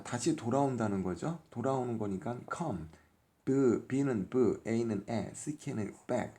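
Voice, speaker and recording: A man teaches phonics from a workbook, methodically sounding out each letter before giving the word and its meaning. His delivery is unhurried and deliberate, with a lowish voice. His tone is warm and mellow. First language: Korean. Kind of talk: workbook lesson explained step by step.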